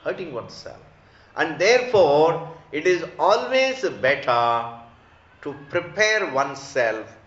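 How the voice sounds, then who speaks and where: Indian-accented male spiritual teacher, very unhurried and didactic, repeats for emphasis; reverberant room. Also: medium pitch, fairly bright tone. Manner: emphatic repetition, rhetorical questions, didactic. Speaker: spiritual teacher giving scripture discourse. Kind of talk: religious discourse. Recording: echoey room, slightly dull sound.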